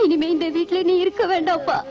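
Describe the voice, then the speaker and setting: A woman's voice: high voice, expressive, brisk. A woman voicing a poor, protective mother in a dubbed film, pleading and anguished. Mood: tearful. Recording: dull film soundtrack with loud music.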